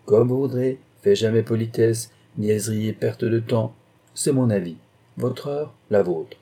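A man voicing a hurried, brusque financier in an audiobook, speaking in clipped telegraphic phrases. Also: lowish voice, mellow. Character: curt, fussy telegraphic male financier.

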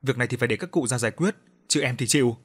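A man's voice: mid-range voice, expressive, rapid-fire, husky. A man doing a timid young village crier. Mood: alarmed.

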